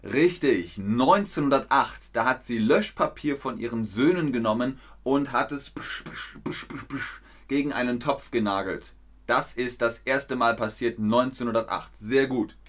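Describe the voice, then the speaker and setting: A man teaching an online German lesson to learners, speaking slowly and clearly, repeating words and quizzing his viewers. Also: mid-range voice. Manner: lively, with quiz questions to viewers.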